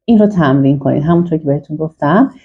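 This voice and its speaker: Female English teacher, low and husky, patient step-by-step explanations, lo-fi recording. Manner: explains step by step and models phrases for learners to repeat. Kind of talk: online language lesson.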